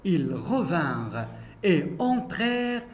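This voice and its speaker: A man's voice: on the high side, very animated, slight background noise. A male primary school teacher reading a story and leading a comprehension lesson with his pupils in the classroom. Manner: slow, repetitive, addresses pupils directly.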